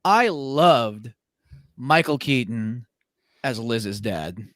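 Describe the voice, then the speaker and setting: A man's voice: medium pitch, expressive, very slow, dry recording, clean studio sound. A young man co-hosting a casual movie review podcast, chatty, with lots of "like" fillers. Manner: chatty, many "like" fillers, mimics characters in a loud voice. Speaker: podcast co-host.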